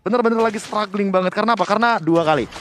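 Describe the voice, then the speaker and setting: A man's voice: high voice, racing, a bit bright, slight background noise. A man with an Indonesian accent gives analytical live commentary on a video game match.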